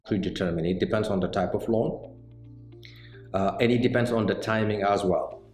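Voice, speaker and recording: A middle-aged man from Senegal answers interview questions about his work in banking. His voice sits very low, and he explains things carefully, stopping often on small hesitations. The sound is roomy, with soft music faintly underneath. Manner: measured, explanatory, with frequent "uh" pauses. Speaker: mortgage banker interviewee. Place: indoor office set with bookshelves.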